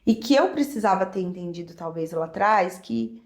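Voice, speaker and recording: A woman with a Brazilian Portuguese accent tells her own story as a podcast guest. She speaks in a reflective, emotional way with soft fillers, at a mid pitch. The room around her sounds echoey. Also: expressive, moderate pace. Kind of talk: personal storytelling in conversation.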